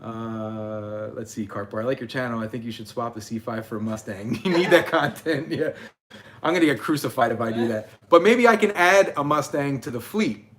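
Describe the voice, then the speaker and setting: A man's voice: medium pitch, normal speed, fairly bright tone, slight background noise. Chatty man reading viewer comments. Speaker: channel host. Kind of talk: casual livestream chat.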